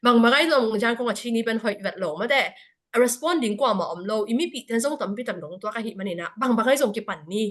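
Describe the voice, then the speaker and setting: A woman's voice: fairly high pitch, fast talker. A woman speaking at a church prayer fellowship service, giving a spoken report to the congregation with frequent hesitation fillers.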